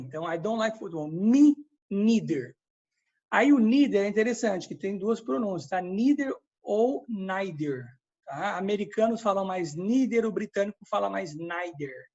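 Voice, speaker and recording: Brazilian-Portuguese-speaking man teaching English slowly. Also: sits high, highs cut off. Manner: explains step by step, checks in with students. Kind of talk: recorded class review lesson.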